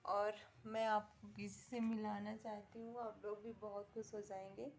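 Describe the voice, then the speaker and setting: A woman's voice: mid-range voice, little pitch movement, moderate pace, slight background noise. A woman filming a casual home vlog at night, cooing to a pet in doting baby talk. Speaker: vlogger.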